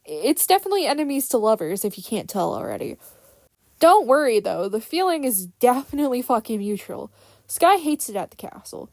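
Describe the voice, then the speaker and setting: A woman's voice: fairly high pitch, very animated, a little fast, darkish tone, dry recording. A woman delivering a casual, scripted rant about characters in an opinionated, unhinged, sweary manner with informal sarcastic asides. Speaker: fan fiction creator.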